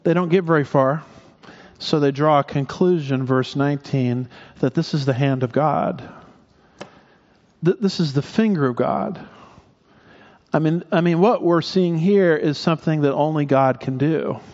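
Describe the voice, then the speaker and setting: Man, pastor, preaching with casual asides; lightly raised pitch, muffled recording. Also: a little slow, a little mellow. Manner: conversational preaching with asides and restarts. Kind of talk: sermon.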